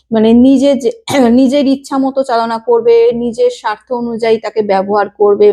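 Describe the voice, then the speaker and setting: Hoarse woman doing a tarot reading. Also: fairly high pitch, dark tone. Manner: halting, frequent throat clearing and fillers. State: hoarse, sore throat. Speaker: tarot reader.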